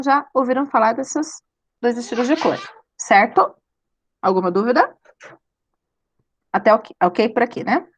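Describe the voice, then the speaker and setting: A woman teaches a live online drawing class in a chatty, playful way, laughing at her own slips and making self-deprecating asides. Her voice is a little high and the sound is lo-fi.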